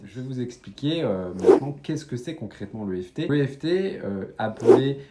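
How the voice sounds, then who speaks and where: A young man, a certified practitioner, explaining a self-help method to viewers in a lively, direct way. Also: mid-range voice, normal speed, roomy sound, heavy background noise. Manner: lively, direct, addresses viewers, frequent fillers. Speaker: certified EFT practitioner and channel host. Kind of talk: casual explanatory video talk.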